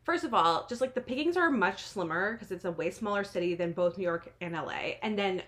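A woman in her late twenties from New Jersey with an American accent, chatting casually as a podcast guest in an animated, wry, self-deprecating way. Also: mid-range voice, fairly quick. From New Jersey, United States. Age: late 20s. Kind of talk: casual interview chat.

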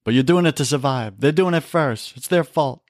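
A man's voice: on the high side, normal speed, no echo. Emphatic preaching man, dry sound. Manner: preachy, emphatic, calls listener brother. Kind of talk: faith-based podcast talk.

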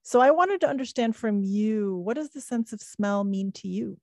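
This podcast host, a middle-aged woman, reads a scripted opening before an upbeat, enthusiastic conversation with her guest. She has a mid-range, slightly mellow voice with lively intonation and a moderate pace, captured as clean studio sound without room noise.

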